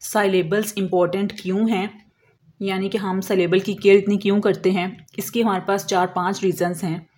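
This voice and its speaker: A woman explaining a lesson as an English teacher, slowly drawing out example words and answering her own questions. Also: medium pitch, flat delivery, a little mellow, husky. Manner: asks questions and answers them herself.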